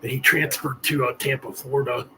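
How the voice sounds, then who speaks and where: A man in his forties hosting a casual livestream chat, relaxed and chatty. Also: mid-range voice, a little fast, noisy background. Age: 40s. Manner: laid-back, chatty metal fan. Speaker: host. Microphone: streaming setup.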